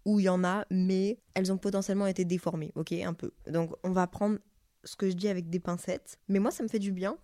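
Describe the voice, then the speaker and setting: A woman's voice: medium pitch, fairly even intonation, a little fast, mellow, dry recording, studio quality. A woman in her twenties with a French accent, hosting a casual podcast monologue and talking candidly, swearing freely. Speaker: podcast host.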